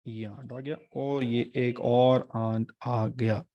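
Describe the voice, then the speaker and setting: A male teacher runs an online exam-prep class in a chatty, joking way. His voice sits at an ordinary middle pitch and is recorded dry and close on a desk mic, with no room sound. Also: flat delivery, slow pace, warm tone, no echo, dull audio. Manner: chatty, joking teacher mixing English terms.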